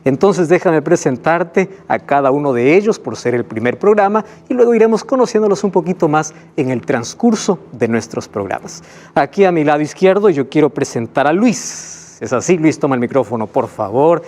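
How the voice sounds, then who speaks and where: A man's voice: a little high, very animated, moderate pace, darkish tone. A man from Peru, a pastor hosting a Bible program and introducing guests in a friendly way. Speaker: pastor and host.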